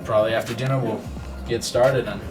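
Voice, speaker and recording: A young man, a student, showing his team's code in a relaxed, halting casual interview. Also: medium pitch. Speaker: student team member. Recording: music bed under voice.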